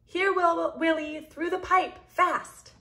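A woman voicing a quiet, clever young boy in a storybook read-aloud, with bright, lively reading. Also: very high voice, slow, voice pushed up, full character voice. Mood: urgent, cheerful.

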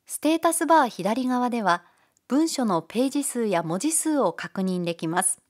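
A woman giving calm, polite, step-by-step narration for a software tutorial. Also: a little high, normal speed. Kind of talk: scripted screencast narration.

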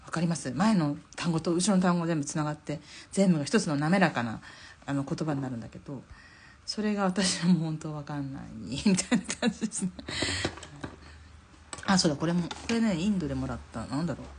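A middle-aged woman from Japan hosts a live drawing stream and chats loosely as she works. Her voice sits a bit low but moves all over the place, lively and animated. A faint hiss of noise sits under the phone-mic recording. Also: fast talker. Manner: chatty, laughs often, reads viewer comments aloud. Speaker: Zentangle teacher hosting a live stream. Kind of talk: casual live-stream chat while drawing. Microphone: phone or camera mic on a live stream.

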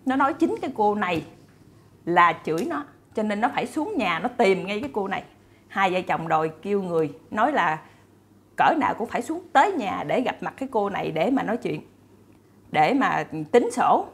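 A woman's voice: medium pitch, sing-song, a little fast, breathy edge. A woman retelling a story to her viewers in a chatty, casual way, full of fillers and repeated words. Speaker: storyteller host.

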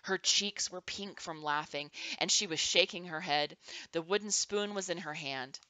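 A woman reading a children's chapter book aloud to her nieces and nephews, expressive and animated. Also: on the low side, normal speed, no echo. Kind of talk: storybook read-aloud.

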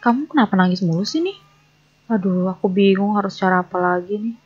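A young woman gives casual running commentary on her game, chatty and often flustered as she talks to the characters. Her voice sits in a middle pitch. The home mic sounds a little dull and lo-fi. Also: brisk. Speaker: gaming YouTuber.

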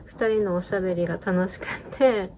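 A woman's voice: lowish voice, steady tone, brisk, warm tone, a little hiss or hum. A woman hosting a knitting channel, chatting casually in a rambling way with many fillers and small laughs. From Japan. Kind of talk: casual chat while knitting.

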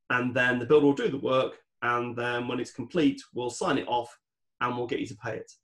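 A man appears as a guest expert on home renovation project management on a podcast, explaining things methodically and instructively. His voice is mid-range and gravelly.

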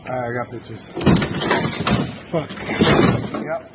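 A man mutters slowly while filming a short video clip. His voice is rough and husky, and it sounds low and distant, as if he is some way from the recording phone.

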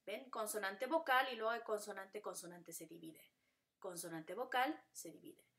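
Patient female teacher, bright tone, repetitive drilling delivery, occasional English asides. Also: medium pitch, moderate pace. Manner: patient, repeats patterns, switches to English to explain. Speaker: Spanish teacher. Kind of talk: classroom lesson.

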